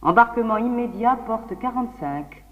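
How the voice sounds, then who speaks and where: A woman playing an airport announcer, reading flight notices over a public-address loudspeaker in a formal, measured way. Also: on the high side, expressive. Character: adult female airport announcer, formal and even. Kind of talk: scripted public announcement for a language lesson. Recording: dull, long-reverb loudspeaker sound.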